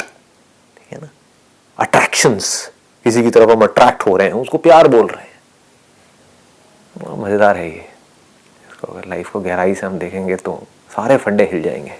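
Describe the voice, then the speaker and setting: Soft-spoken man giving a spiritual talk. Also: on the low side, poor audio. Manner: calm, soft-spoken, often dropping to a whisper; asks and answers his own rhetorical questions. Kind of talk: spiritual discourse mixing Hindi and English.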